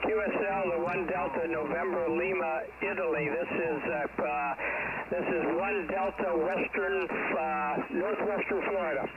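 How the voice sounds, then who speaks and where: A man's voice: fairly high pitch, a little slow. A man giving terse call signs and locations as an amateur radio operator over a radio link. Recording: very noisy narrowband ham radio signal.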